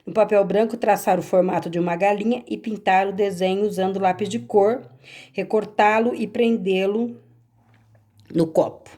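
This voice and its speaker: Woman, Brazilian accent, teacher, warm low-key tone, patient step-by-step explaining. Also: steady tone, normal speed. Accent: Brazilian Portuguese. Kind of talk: correcting homework for pupils.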